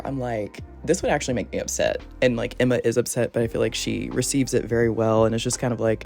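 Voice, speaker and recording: A young woman in her twenties chatting casually in a voice-over, gushing and quoting characters in little voices. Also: very deep voice. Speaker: sketchbook vlogger. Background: soft background music.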